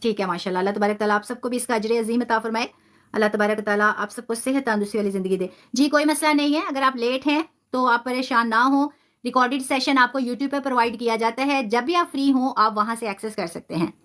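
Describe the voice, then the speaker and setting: In a steady, slightly bright high voice, a woman teaches tajweed live online, stretching sample sounds slowly and patiently repeating every term. English words pop up throughout her explanations.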